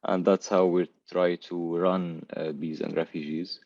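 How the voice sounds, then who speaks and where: A very deep-voiced man joins a panel over a video call. He talks in a friendly way but hesitates often with fillers. The audio is dull, lo-fi and bone-dry. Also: level tone, a little slow, darkish tone, no echo. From Syria. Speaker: panel guest, project founder. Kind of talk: casual panel talk.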